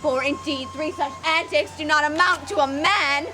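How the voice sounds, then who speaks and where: A woman playing a cheeky, scornful young serving boy in a deliberate, mocking Shakespearean stage monologue in olde speech. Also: sits high, music in the background, natural voice. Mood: wry, scornful.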